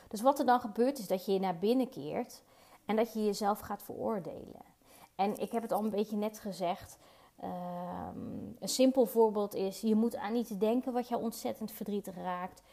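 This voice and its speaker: A woman's voice: medium pitch, a little mellow. A woman hosting her own podcast, talking earnestly and personally about emotions, with fillers and repeated words. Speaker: podcast host. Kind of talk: reflective solo podcast talk. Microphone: podcast mic.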